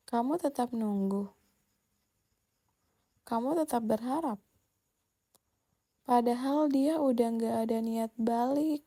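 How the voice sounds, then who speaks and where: Slow, mellow-voiced woman giving blunt advice. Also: a little high. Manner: slow, blunt, addressing the listener directly. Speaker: host. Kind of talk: scripted relationship advice monologue.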